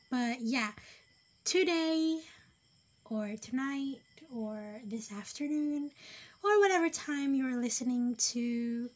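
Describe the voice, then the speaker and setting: A young woman hosting her own podcast, chatting casually and rambling in a self-deprecating way, sometimes dropping to a whisper. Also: on the high side. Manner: rambling, self-deprecating, drifting between whispers and louder bursts. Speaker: podcast host. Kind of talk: casual solo podcast chat.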